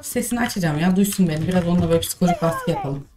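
A woman's voice: on the low side, rapid-fire, over music. A young woman streaming a mobile shooter, commenting live in exasperated, scolding remarks. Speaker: game streamer. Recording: distant mic with game noise.

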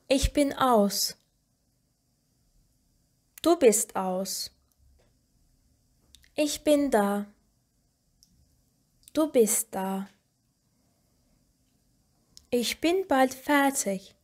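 A woman reads short example sentences for a language lesson, one after another. She goes very slowly, pausing after each phrase so learners can repeat it. Her voice sits a little on the high side. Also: animated, darkish tone. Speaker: language teacher. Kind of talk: slow reading of example sentences.

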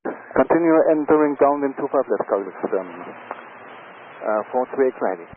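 A man's voice: mid-range voice, lively intonation, moderate pace. A man, a cargo pilot, making hesitant radio calls from his cockpit headset, full of fillers and clipped phrasing. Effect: radio transmission from a cockpit headset. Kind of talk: radio calls to air traffic control. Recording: tinny radio band with faint static.

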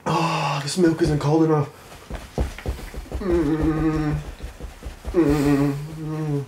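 A man's voice: a little high, little pitch movement, extremely slow, a little mellow. A young Australian man in a casual challenge video, groaning and swearing while his mouth burns from chili. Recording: noticeable background noise.

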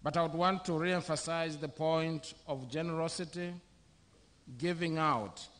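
Slow-speaking bishop at a podium. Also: male voice, on the high side, fairly even intonation, fairly bright tone. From Zambia. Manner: slow, measured delivery in short phrases. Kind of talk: sermon. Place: outdoor covered church venue. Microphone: podium microphone.

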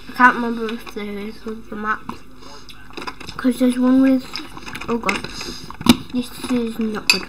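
With background noise behind her, a woman with a voice on the high side hosts her own gaming videos. Her voice is giving out while she rambles through laid-back gameplay commentary, punctuated by sudden startled exclamations.

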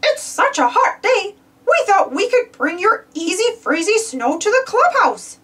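Woman as a squeaky male cartoon mouse, extremely high, unhurried, eager leader, upbeat, storybook read-aloud. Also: big pitch swings, fairly bright tone, far from the mic, exaggerated voice. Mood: bright, friendly. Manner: exclamatory, upbeat, addresses children directly. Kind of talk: children's storybook character voice.

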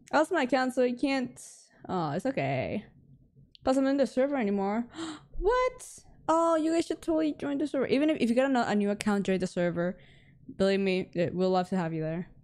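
A woman streaming a game live, chatting casually with her viewers in a bubbly, talkative way, her voice a little raspy and hoarse from getting sick. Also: mid-range voice, a little mellow. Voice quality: slightly raspy. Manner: bubbly and chatty, with frequent laughs and gasps. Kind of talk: casual live-stream chat, reading chat aloud.

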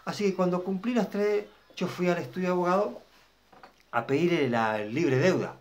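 A man's voice: sits high, normal speed, muffled recording. Man telling a story. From Argentina. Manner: rambling, repeats himself, asks viewers if they follow. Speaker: channel host. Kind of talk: personal storytelling to camera.

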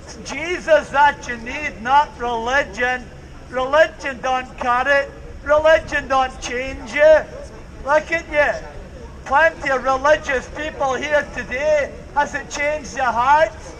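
Fervent and repetitive, an older man preaches outdoors in a market square with a very high-pitched, slow voice, fairly bright and fairly even in intonation. The camera records the open-air sound from far away as he speaks through a handheld mic and speaker.

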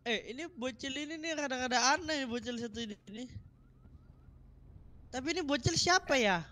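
A man's voice: very high-pitched, moderate pace, sharp tone. A man in a casual game roleplay, swearing a lot and cracking crude jokes.

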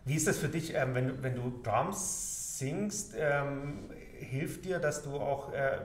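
A man hosts a relaxed talk with musicians at an ordinary pitch, asking questions with frequent ums. The sound is roomy with a faint hiss. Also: slow pace. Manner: conversational, asks questions with many fillers. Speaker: pianist host. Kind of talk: casual interview talk. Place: living room with a piano and plants. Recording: echoey room, faint hiss.

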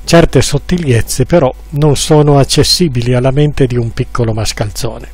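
A man's voice: mid-range voice, steady tone, normal speed, a little mellow, no room sound. A man narrating a humorous literary story with dry irony, now and then acting out the quoted lines.

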